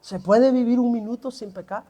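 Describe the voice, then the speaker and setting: A man's voice: extremely high pitch, steady tone, moderate pace, warm tone. A man preaching who voices a worried young son, pleading with his father through question after question.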